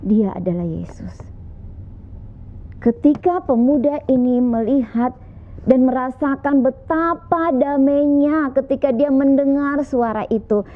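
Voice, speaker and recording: A woman teaching children at church, telling a story slowly and emphatically and addressing the kids again and again. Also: sits high. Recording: tinny phone-like sound.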